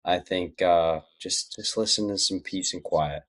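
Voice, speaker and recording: A man's voice: deep voice, unhurried, a bit bright. A man chatting casually as an interview guest, talking in a plainspoken, reflective way. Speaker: podcast guest.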